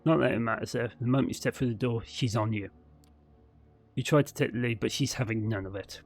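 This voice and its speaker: A fairly quick, mid-range male voice narrates a visual novel from a script. He reads in a dramatic storytelling style, with the occasional slip on a word.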